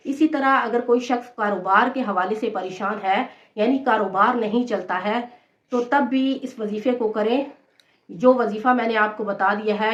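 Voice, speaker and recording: A woman gives devotional instruction as a religious teacher. She speaks at a middling pitch and explains in a steady, patient way, going over key points again and again. The recording is roomy and muffled. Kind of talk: devotional instruction on prayer recitations.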